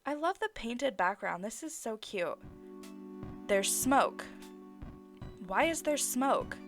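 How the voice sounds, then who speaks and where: A woman's voice: on the high side, animated, takes it slowly, music in the background. A young woman hosting a casual gameplay video, giggly, gushing and frank. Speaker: gaming video host.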